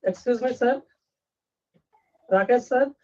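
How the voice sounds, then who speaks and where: A woman's voice: a little high, takes it slowly, a little mellow. Woman, patchy call line, muffled lo-fi audio, polite. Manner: polite, repeatedly asking if she can be heard. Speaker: remote caller checking the audio.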